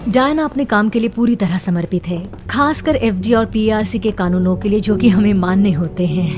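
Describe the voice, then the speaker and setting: Composed female park director for a cartoon dub, voiced by a woman, mid-pitched, with music underneath. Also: normal speed, close to an everyday voice. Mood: calm, explaining. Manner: composed, authoritative, explaining.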